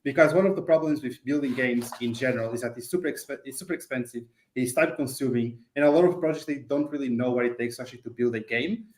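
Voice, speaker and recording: A man giving a conversational company pitch as an interview guest, explanatory, with non-native English phrasing and filler words. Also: fast, hardly any pauses, a little mellow, roomy sound, low-quality recording. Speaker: game studio CEO, interview guest.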